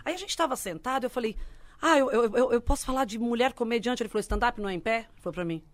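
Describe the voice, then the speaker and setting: A woman's voice: a little high, fast, no echo. A young adult woman, a comedian telling a story in casual chat and acting out the people she quotes. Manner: animated, acts out quoted people.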